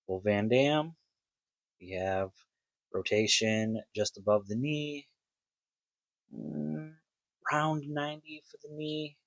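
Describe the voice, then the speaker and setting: A man giving a casual, musing toy review, talking slowly with many ums and restarts, on a dull lo-fi home recording. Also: medium pitch, no echo.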